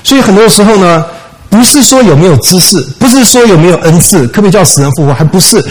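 A man preaches to his congregation in a fairly high voice. He retells the story with lively rhetorical questions and slips English words into his speech. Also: fast, poor audio. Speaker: pastor. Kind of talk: sermon.

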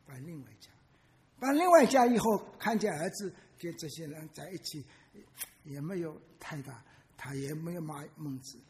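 Elderly man in his eighties, pastor's sermon, high gravelly voice, lively pitch, reverberant church hall. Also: normal speed. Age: 80s. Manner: animated storyteller who asks the congregation questions.

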